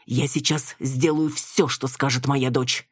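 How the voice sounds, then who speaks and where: Casting: woman as an older father, low, husky, measured. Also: steady tone, no echo, clean studio sound, full character voice. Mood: resolute. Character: older man, aging honored actor, bewildered father.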